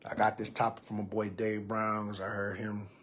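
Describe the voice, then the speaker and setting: Casual male live-stream host, thirties, lowish voice, faint hiss behind. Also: flat delivery, normal speed, fairly bright tone. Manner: casual, drawling, reads comments aloud to viewers. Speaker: podcast host. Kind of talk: live-stream chat reading comments. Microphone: computer or phone mic on a live stream.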